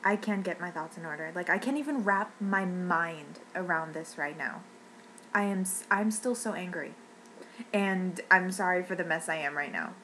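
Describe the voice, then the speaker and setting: A woman's voice: fairly low pitch, moderate pace, bright, forceful tone, a little hiss or hum, low-quality recording. A woman ranting in an upset, rambling way, near tears and often restarting her sentences. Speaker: fan vlogger. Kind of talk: emotional rant.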